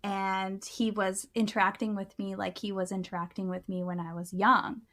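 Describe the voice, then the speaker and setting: A woman co-hosting a podcast, recounting something that happened to her. She talks casually and earnestly at a middle pitch, with lots of "like" and "um" and frequent restarts. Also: moderate pace. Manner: earnest, animated, many fillers and restarts. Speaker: podcast co-host. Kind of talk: casual storytelling.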